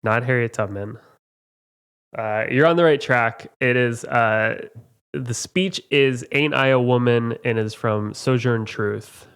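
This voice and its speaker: A man hosts a relaxed trivia podcast and reads each question aloud. He talks in a chatty, halting way, with frequent fillers, and laughs easily at his own slips. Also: mid-range voice, clean tone. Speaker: trivia quiz host. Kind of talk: casual podcast quiz.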